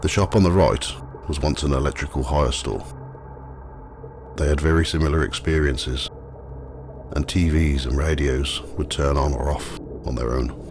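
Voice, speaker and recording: A man narrating a scripted ghost walk as the guide, telling the stories in a measured, matter-of-fact way. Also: a bass voice, steady tone. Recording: clearly noisy, ambient sound behind.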